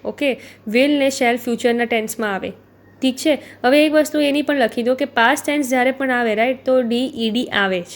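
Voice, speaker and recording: A young woman with a Gujarati accent teaching an English grammar lesson. Her voice sits a little high. She goes over each point more than once and keeps checking whether her students are following. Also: normal speed. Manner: patient, repeats points, checks in with filler questions. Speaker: English teacher for exam aspirants. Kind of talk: explanatory lesson.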